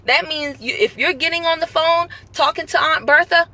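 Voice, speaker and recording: A woman's voice: high voice, normal speed, pushed and bright. A woman with a Southern American accent hosts a casual live stream, giving an emphatic pep talk that repeats its points and acts out little phone calls. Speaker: motivational live-stream host.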